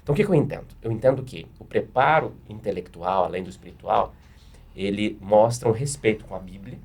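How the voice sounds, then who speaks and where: A man's voice: on the low side, fairly quick, darkish tone, husky. A man with a Brazilian Portuguese accent, a pastor explaining step by step with practical examples in a panel discussion.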